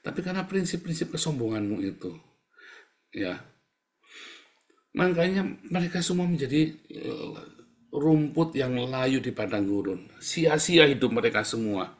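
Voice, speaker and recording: A man's voice: medium pitch, animated, normal speed, long pauses. A middle-aged male pastor preaching a sermon in a blunt, scolding, mocking way, acting out the people he quotes and laughing between points. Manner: acts out quoted people in shifted voices.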